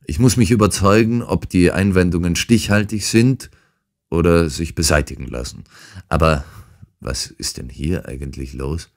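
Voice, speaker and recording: A man voicing a calm, dryly ironic detective. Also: sits low, moderate pace. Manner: calm, unshaken, dry irony. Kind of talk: audiobook character reading.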